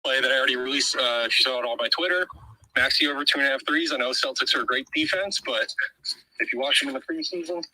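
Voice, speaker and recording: A man's voice: mid-range voice, expressive, fast talker, sharp tone, no echo, poor audio. A man out of breath, sharing his betting pick in a casual chat. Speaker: guest bettor.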